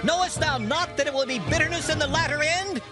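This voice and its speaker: A man's voice: very high-pitched, brisk, music in the background. A man playing a fierce, proud ancient Israelite army commander in a dramatized scripture reading, declaiming with passion. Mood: anguished appeal. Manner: declamatory, impassioned.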